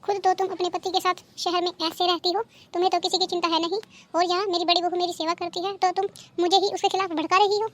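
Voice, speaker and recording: A woman voicing a stern, sharp-tongued village mother-in-law in a cartoon. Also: very high voice, level tone, fast talker. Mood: scolding. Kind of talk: cartoon dubbing.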